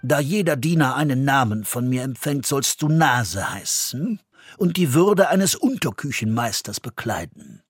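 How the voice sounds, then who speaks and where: A proud, greedy duke gives orders in a grand, commanding voice, as a male narrator plays him. The delivery swings widely in pitch and has a husky grain, recorded dry and close. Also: sing-song, a little slow, no room sound, faint music behind.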